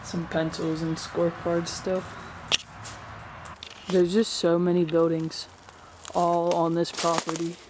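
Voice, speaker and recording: A woman's voice: on the low side, completely flat delivery, slow, pauses often. A young woman vlogging as she explores an abandoned amusement park, chatting casually and trailing off with fillers, recorded on a handheld camera. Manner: chatty, filler-heavy, hushed asides. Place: abandoned amusement park, indoors and outdoors in woods. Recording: handheld camera with loud background noise.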